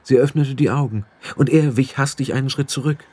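A man narrating an audiobook in an expressive storytelling manner. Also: mid-range voice, brisk, slightly rough.

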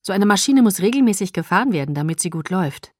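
A woman's voice: medium pitch, quick pace, dry recording, studio quality, lightly acted. A woman voicing a cheerful, teasing teenage boy who speaks eagerly and playfully in an audiobook. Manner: excited, playful.

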